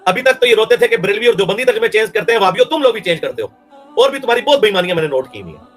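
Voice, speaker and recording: A man with a high-pitched voice and a Pakistani Urdu accent delivers a heated, scornful religious rebuttal. He hurls insults and raises his voice in anger. Faint music plays underneath. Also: sing-song, a bit bright. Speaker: religious speaker.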